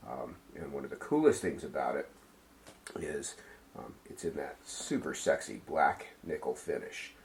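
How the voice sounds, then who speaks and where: A deep-voiced man walks through a fly tying demonstration in an easygoing, unscripted way. He drifts from point to point, often pausing on ums and uhs as he explains. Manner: relaxed, rambling, many ums and uhs. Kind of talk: casual how-to demonstration.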